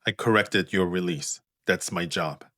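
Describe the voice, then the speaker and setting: Stern male coach voiced by a man, deep, flat, clipped, in a dry close read. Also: unhurried, no echo. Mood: cold. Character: controlling older male curling coach, cold and stern.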